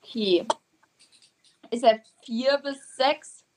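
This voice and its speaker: Young female co-host, stubborn and competitive, thinks aloud, a touch high. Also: noisy background. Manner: drawn-out musing syllables while thinking. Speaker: co-host playing a guessing game. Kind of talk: casual podcast chat.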